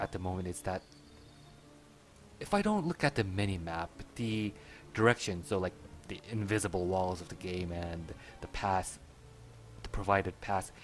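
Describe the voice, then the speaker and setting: A man giving casual, musing gameplay commentary, somewhat hesitant. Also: low-pitched. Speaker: game commentator. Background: faint game music.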